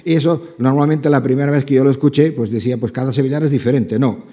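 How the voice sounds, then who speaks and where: Mellow husky man lecturing. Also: medium pitch, steady tone, fast talker. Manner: counts beats aloud and hums rhythms. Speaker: flamenco guitarist giving a talk. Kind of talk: spoken lecture on flamenco rhythm.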